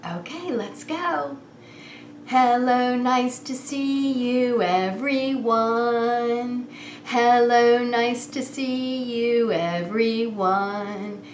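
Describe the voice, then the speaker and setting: A woman preschool teacher leads story time in a slightly high voice, speaking extremely slowly. She addresses young children directly with simple questions, playful and singsong. The room echoes, and background noise is clearly audible.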